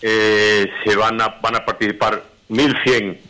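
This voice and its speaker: A man's voice: on the low side, level tone, slow, sharp tone. Man on a choppy, crackling phone line. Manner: explains patiently, repeats details. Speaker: food bank delegate, phone guest. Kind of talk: radio phone interview.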